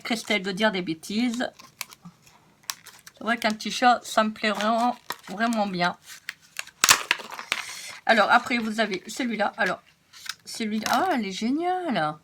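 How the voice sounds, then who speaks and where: In a relaxed haul chat, a French craft vlogger talks through her craft-supply purchases, laughing frequently, making self-deprecating jokes, and musing aloud with lots of fillers. Her voice is medium-pitched and a touch bright, and there's a slight hiss or hum.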